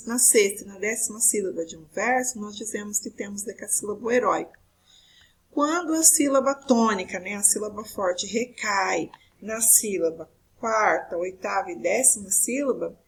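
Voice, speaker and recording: A woman's voice: medium pitch, breathy edge, low-quality recording. A woman teacher with a Brazilian Portuguese accent, explaining a recorded video lesson step by step and often checking in with her students.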